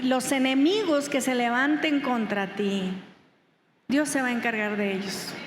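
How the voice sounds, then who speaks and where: A woman pastor with a Mexican accent preaching a conversational sermon, asking rhetorical questions and acting out quoted dialogue in lively voices. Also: high voice, slight background noise. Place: church hall. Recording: echoey church hall with long reverb.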